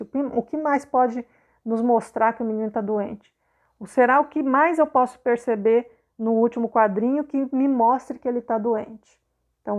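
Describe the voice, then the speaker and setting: A Brazilian woman teacher, with a Brazilian Portuguese accent that isn't southern, guides students through a worksheet in a video lesson. Her voice is a little high with a darkish tone, and she patiently repeats her questions, checking often for understanding.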